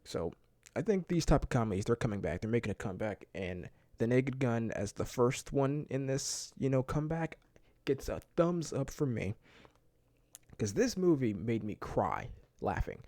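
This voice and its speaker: An excitable man talks through a movie review in a loose, rambling way, laughing often. His voice sits at an ordinary middle pitch, and the sound is close and dry with no room around it. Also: moderate pace, dry recording. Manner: filler-heavy, keeps saying "like" and "man". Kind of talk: casual movie review vlog.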